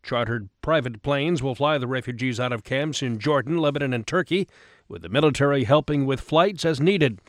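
A man's voice: medium pitch, moderate pace, no room sound, studio quality. A man reading a scripted radio news bulletin as the anchor.

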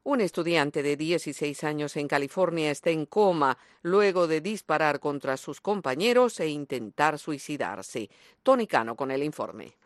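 A woman's voice: low voice, expressive, moderate pace, soft background music. A woman presenting scripted news as a radio host, with a formal announcer delivery in an AM radio style.

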